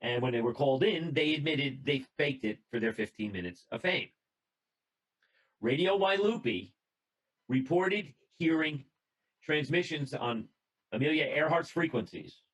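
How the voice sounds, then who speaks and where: A man's voice: on the high side, expressive, measured pace, a bit bright, rough recording. A man giving an illustrated presentation to a radio club over a video call, telling the story in a conversational way and reading out notes, with small restarts. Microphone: computer mic on a video call.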